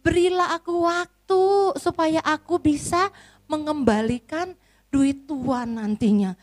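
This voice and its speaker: A woman's voice: sits high, fairly even intonation, moderate pace, mellow, dry recording, voice pushed up, close to an everyday voice. A woman voicing a frightened male servant who begs his master for more time. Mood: pleading. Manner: pleading and whimpering, later harsh. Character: frightened indebted servant, later a bully.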